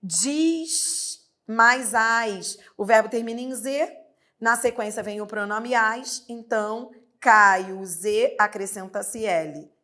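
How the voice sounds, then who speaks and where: A woman's voice: medium pitch, a little slow, fairly bright tone. A woman with a Brazilian Portuguese accent teaching grammar in an online exam-prep lesson, stretching out her examples and asking rhetorical questions.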